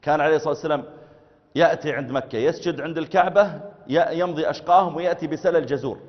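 A man giving a sermon lecture, telling anecdotes and swinging between loud and soft delivery. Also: a little high, very fast. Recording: echoey hall, dull lo-fi sound.

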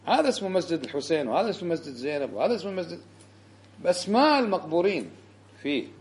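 A man giving a religious lesson, indignant and emphatic, climbing high when he stresses a point. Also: rapid-fire. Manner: animated and indignant, rising sharply for emphasis. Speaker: Islamic scholar giving a lesson. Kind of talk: religious lecture commentary.

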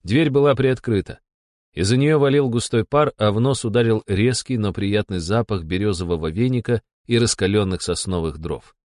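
A man's voice: lowish voice, normal speed, darkish tone, no echo. Man narrating a wry audiobook, dry sound. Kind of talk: first-person audiobook narration.

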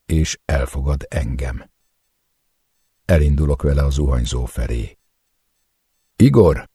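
Very deep, husky male audiobook narrator. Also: dark tone, no echo, clean studio sound. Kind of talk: first-person audiobook narration.

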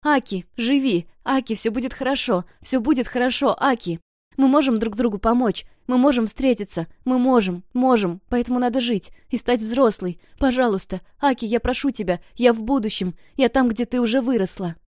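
A woman voicing a schoolgirl who pleads and shouts at full voice, in an audiobook reading. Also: fairly high pitch, animated, fast talker, hardly any pauses, no room sound, clean studio sound, close to an everyday voice. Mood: pleading. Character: desperate schoolgirl shouting to save her friend.

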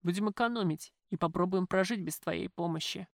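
A woman's voice: fairly low pitch, a little fast, creaky, dry recording. A spoiled young man talks back to his father in a sullen, grumbling way, as a woman narrator reads him. The read is close and dry. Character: sulky young man, a spoiled newlywed son.

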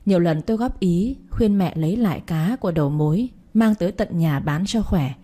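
A young woman narrating a first-person story in an audiobook with calm, earnest storytelling. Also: fairly low pitch, brisk. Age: young adult.

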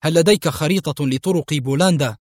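A man playing a cool, daring hero in an audio thriller, steady and confident with a touch of irony. He speaks in an even, slightly high voice, recorded close and dry. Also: fairly quick, no room sound, close to an everyday voice. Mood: calm. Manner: calm, confident, ironic. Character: calm daring male hero, a colonel.

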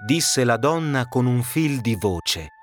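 Lively male fairy-tale narrator. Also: medium pitch, takes it slowly. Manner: expressive, dramatic storytelling. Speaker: storyteller. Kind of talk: storybook narration. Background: background music.

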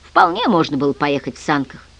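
A narrator voicing a calm grown man who speaks slowly and soothingly, reasoning with a friend, in an audiobook. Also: mid-range voice, vocal fry, pitched below the performer's own voice, full character voice.

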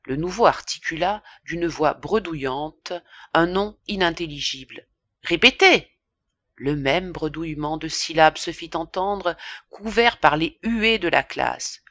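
A woman narrating a classic novel as an audiobook, in a measured, expressive reading. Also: deep voice, dry recording, dull audio. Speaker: audiobook reader.

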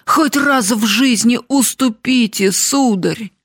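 A loyal old housemaid shrieks in alarm, rising high and loud, as a woman reader puts her on. Her voice is husky and the sound dry and close. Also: takes it slowly, dry recording. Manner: shrill exclamations.

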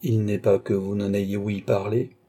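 A man's voice: lowish voice, fairly even intonation, unhurried, warm tone, breathy edge. A man voicing a proud, stubborn old countess who speaks haughtily and takes offense easily. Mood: haughty. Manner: haughty, touchy.

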